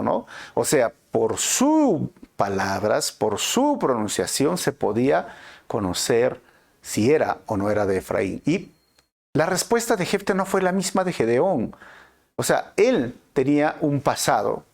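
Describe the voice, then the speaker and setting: A man with a Peruvian Spanish accent teaching a Bible passage in a conversational way, often checking in with his listeners. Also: creaky. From Peru. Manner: conversational, frequent tag questions, animated swings in pitch. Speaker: pastor.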